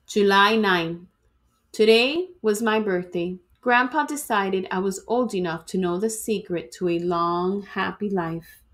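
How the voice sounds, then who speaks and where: Unhurried and mid-range in pitch, a woman's voice brings a children's storybook to life with dramatic expression, like a teacher reading to her students.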